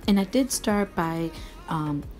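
A woman, a mother of four, narrating a home cleaning vlog in a relaxed, matter-of-fact voice-over. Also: on the low side, slow. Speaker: vlogger, mother. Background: faint music.

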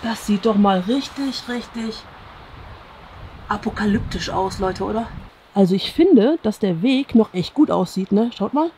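An unhurried, mellow, medium-pitched voice with lively intonation comes from a German-accented woman in her thirties vlogging through an abandoned campsite. She muses casually and often asks viewers to agree, using a chest-mounted action camera. Audio is poor with slight background noise.

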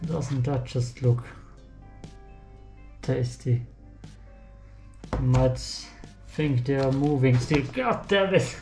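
A young cooking vlogger from a German-speaking country, with a German accent, jokes to himself while cooking in a small home kitchen. His medium-pitched voice is slow and creaky, with frequent pauses, and the kitchen echoes over faint music.

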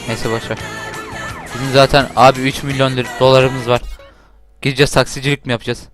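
A man giving casual gameplay commentary, talking loudly and swearing and shouting at the game. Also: medium pitch, level tone, a little fast. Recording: game music playing behind.

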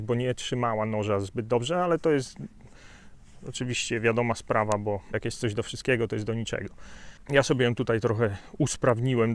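A Polish man in his thirties casually reviews a bushcraft knife outdoors on a hillside, chatting in a relaxed way with fillers and asides. His voice is mid-range, picked up by a lapel mic.

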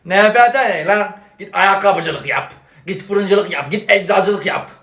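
A man's voice: high voice, a little slow, fairly bright tone, voice pushed down. A man playing a stern, preachy middle-aged father who scolds his grown son in an exasperated, moralizing way. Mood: lecturing. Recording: echoey room, faint music behind.

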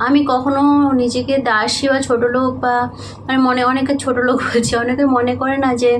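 A young woman from Medinipur chatting softly in a casual home vlog, sleepy and sweaty in the heat. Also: high voice, little pitch movement, brisk, a little hiss or hum. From Medinipur, West Bengal, India. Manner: soft, hushed talk so a sleeping child stays asleep. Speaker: vlogger, housewife and mother. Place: small home indoors. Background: background music.

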